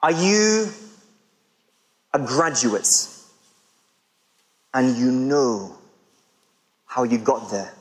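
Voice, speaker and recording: A man in his thirties preaching a sermon to a large congregation, emphatic and full of rhetorical questions with drawn-out pauses. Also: medium pitch, big pitch swings. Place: large church hall with congregation. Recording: long reverb of a big hall.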